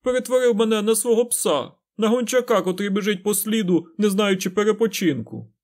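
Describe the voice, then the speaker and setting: A man voicing a grimy, shifty male beggar who whines and shouts. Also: sits high, expressive, brisk, pitched above the performer's own voice. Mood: whining. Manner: whining, then shouting and oily-smooth.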